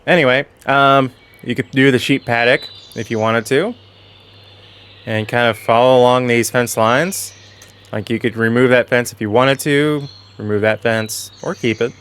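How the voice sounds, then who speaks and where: A man giving casual, rambling commentary over a farming game while losing his voice, clearing his throat now and then, with soft music behind. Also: medium pitch. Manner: rambling, self-correcting, chatty. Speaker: gaming channel host.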